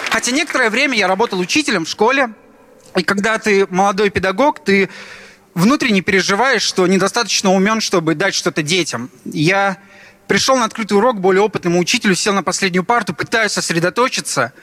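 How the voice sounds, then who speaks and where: A man's voice: fast, pushed and bright. A man in his twenties performing a stand-up comedy set, telling stories in casual slang and imitating others. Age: 20s. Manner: casual slangy storytelling, mimics others in higher voice. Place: comedy club stage with audience. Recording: noisy live club recording with crowd.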